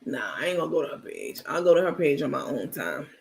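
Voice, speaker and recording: A man hosting a live stream, casually gossiping and reacting to his viewers' chat in an animated, blunt, talkative way. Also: on the high side, fast talker, creaky. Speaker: livestream host.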